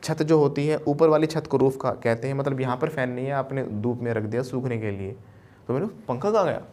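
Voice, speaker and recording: A man's voice: medium pitch, steady tone, brisk, warm tone. A man teaching an English class, keeps asking the class questions and mixes Hindi with English. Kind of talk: classroom lesson.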